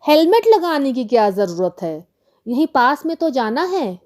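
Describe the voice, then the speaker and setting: Woman doing a carefree schoolboy in a kids' story, kinda high, bouncy up and down, slow and clear. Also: big pitch swings, a little mellow. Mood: breezy. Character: cheerful schoolboy who treats his friend.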